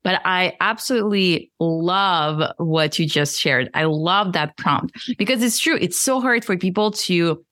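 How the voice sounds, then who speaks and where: A woman's voice: fairly low pitch, a little slow, few pauses, fairly bright tone, no room sound, studio quality. A woman hosting a casual podcast interview over a video call, chatty and affirming, laughing often. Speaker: podcast host. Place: room at home.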